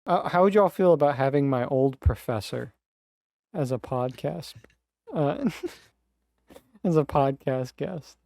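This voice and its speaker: Mellow young man, hesitant podcast chat. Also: a little high, expressive, takes it slowly, creaky, long pauses, dry recording, studio quality. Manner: hesitant, trailing off.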